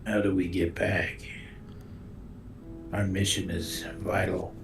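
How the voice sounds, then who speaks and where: A man playing a grave male orc warrior, speaking slowly and formally in a deep, gravelly voice. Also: little pitch movement, over music. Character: gruff male orc warrior, clan fighter. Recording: roomy echo.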